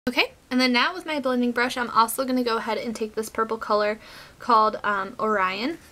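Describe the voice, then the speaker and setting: In a fairly high-pitched voice, bright yet a bit edgy, a young woman casually chats through her makeup routine with lots of "um" and "like". This beauty vlogger is getting over a cold, leaving her voice worn and going in and out. She's seated close to a webcam in a small bedroom.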